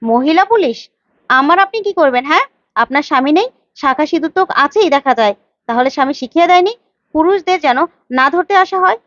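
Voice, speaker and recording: A woman's voice: high-pitched, expressive, a little fast, a bit bright, dry recording. A woman voicing an arrogant, taunting husband who bullies his wife, on a dull lo-fi recording. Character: brash bullying young husband.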